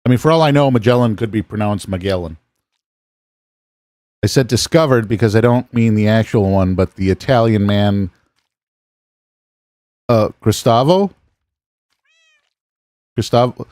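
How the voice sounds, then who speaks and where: A man's voice: fairly low pitch, normal speed, pauses often, a little mellow, no echo, studio quality. An American man chatting casually while streaming a game, rambling and musing aloud as he plays. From United States. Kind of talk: casual gameplay chat with chat.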